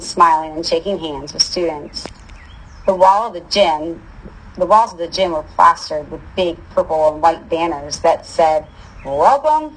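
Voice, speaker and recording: A woman's voice: low-pitched, a little hiss or hum, low-quality recording. A woman reading a first-person story aloud in a casual, wry manner. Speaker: audiobook reader.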